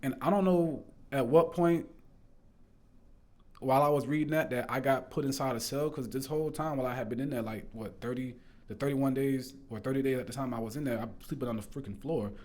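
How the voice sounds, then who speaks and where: A man's voice: mid-range voice, brisk, a little mellow. A man casually telling a personal faith testimony, rambling and earnest, full of fillers, restarts and "bro". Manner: earnest, swears the story is true. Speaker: storyteller sharing a faith testimony.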